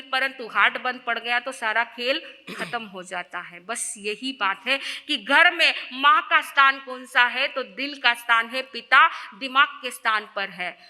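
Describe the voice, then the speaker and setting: A woman's voice: high-pitched, bright, forceful tone, in a large hall. A woman preaching a sermon, telling a story and putting rhetorical questions to her listeners. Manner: asks rhetorical questions of the audience.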